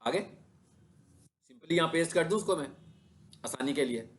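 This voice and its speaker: A man's voice: fairly high pitch, lively intonation, unhurried. A male instructor giving a classroom lecture with a screen demo, often asking his students questions and then answering them himself. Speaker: digital marketing instructor.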